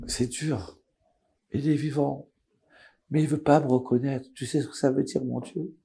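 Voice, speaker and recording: A man's voice: mid-range voice, steady tone, unhurried, creaky, slightly rough, pitched above the performer's own voice, exaggerated voice. A man voicing a pleading, desperate old father. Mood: pleading prayer. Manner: pleading, gentle. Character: older father, a doctor, desperate and tender.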